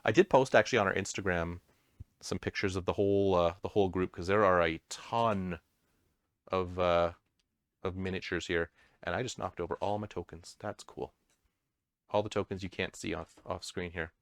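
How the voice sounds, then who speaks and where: A man's voice: deep voice, fairly even intonation, normal speed, no room sound, clean studio sound. A man hosting a casual board game stream, explaining the rules with self-deprecating asides. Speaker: host.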